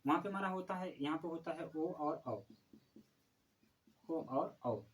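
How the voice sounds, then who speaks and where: A man teaching a Hindi grammar lesson for exam preparation, asking questions and answering them himself and repeating key terms slowly. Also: a little high, low-quality recording.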